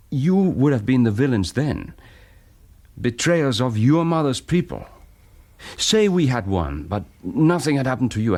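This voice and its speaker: In a naturalistic radio drama, a male actor plays a half-German former wartime spy who is reflective and persuasive. He speaks deliberately and haltingly in a mid-range, slightly mellow voice.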